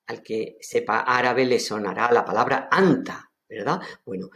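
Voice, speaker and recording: A man from Seville with an Andalusian accent, teaching an online language lesson and enthusiastically explaining words, repeating them slowly. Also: a little high. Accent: Andalusian Spanish. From Seville, Spain. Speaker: Aramaic teacher.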